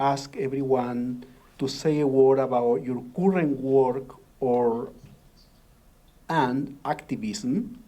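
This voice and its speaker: A man moderating a panel discussion, speaking haltingly with many filler sounds. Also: mid-range voice, dark tone.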